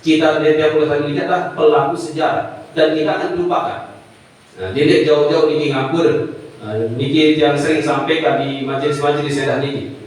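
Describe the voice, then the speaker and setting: A man's voice: fairly high pitch, level tone, fairly quick. A man preaching a sermon, telling stories with rising emphasis. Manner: storytelling with rising emotional emphasis. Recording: echoey hall, distant mic.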